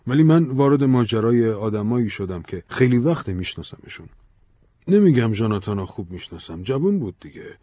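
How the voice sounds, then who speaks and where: A man voicing a weary, earnest man who explains himself calmly in an audiobook story. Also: mid-range voice, dry recording, studio quality, voice pushed up. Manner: measured, tired. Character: weary, earnest man, Ben, calm and burdened.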